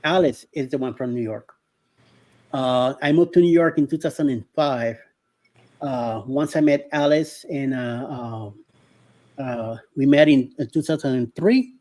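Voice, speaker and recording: A man's voice: medium pitch, a little slow, mellow. A middle-aged man from Miami hosting a casual live stream, rambling with lots of hesitations and greeting viewers by name. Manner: rambling, hesitant with many fillers.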